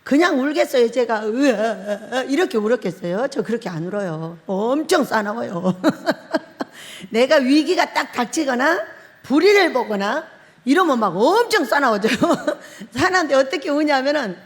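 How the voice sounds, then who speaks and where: A middle-aged woman pastor preaching a sermon, telling a personal story with lively acted-out shouts and frequent laughter. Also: sits high, moderate pace. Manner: animated storytelling, acts out her own shouting and crying, laughs often. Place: church hall. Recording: long hall reverb.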